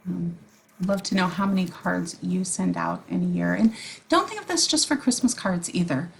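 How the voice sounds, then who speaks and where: A woman's voice: fairly low pitch, lively intonation, normal speed, creaky, a little hiss or hum. A woman hosting a casual card-making tutorial as a voice-over, chatty and giggly, with frequent ums. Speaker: card-making video host.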